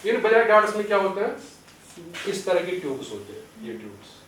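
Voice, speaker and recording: With a high, fairly bright, sing-song voice, this Kashmiri-accented lecturer walks through a training session one step at a time, raising questions and answering them while sprinkling in English words. The hall is echoey, the mic far off, with faint hiss.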